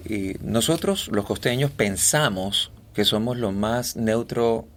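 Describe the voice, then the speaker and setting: A man from Ecuador, a voice-over artist, telling stories in a relaxed interview with lots of fillers and restarts. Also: on the low side, slow pace. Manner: animated storyteller, many fillers and restarts. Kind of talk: casual interview chat.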